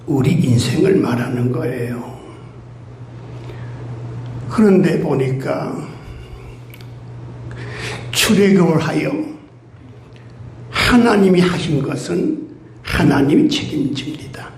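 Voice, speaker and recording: A male pastor delivers a sermon, his voice sitting high and swinging widely as he acts out the complaints of the people in his stories. The sound carries the echo of a church sanctuary. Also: slow, pauses often, slight background noise. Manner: animated storytelling, acting out grumbling crowds. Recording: echoey church hall.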